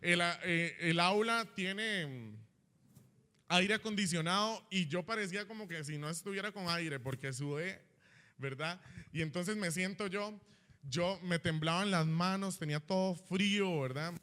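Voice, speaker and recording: A young man telling his personal testimony in church as an animated storyteller who keeps asking "¿verdad?". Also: sits high, unhurried. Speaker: church member giving a testimony. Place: church hall.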